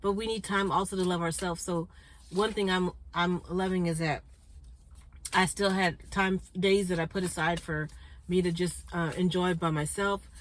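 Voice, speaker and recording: A woman hosting a spiritual card reading for her viewers, chatty and congested, clearing her throat and often checking in with "okay?". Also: fairly low pitch, fairly even intonation, moderate pace, rough recording. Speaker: spiritual card reader and channel host.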